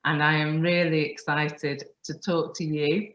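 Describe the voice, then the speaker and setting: Woman hosting a podcast, really low voice, echoey muffled zoom sound. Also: flat delivery, unhurried, fairly bright tone. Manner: chatty, laughs often. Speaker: podcast host. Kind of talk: casual interview. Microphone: video call. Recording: muffled roomy call audio.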